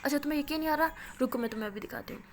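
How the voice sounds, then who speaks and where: A woman's voice: high-pitched, very fast, a little hiss or hum, voice pushed up. A woman voicing an indignant young college woman who protests and argues back in exasperation. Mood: exasperated.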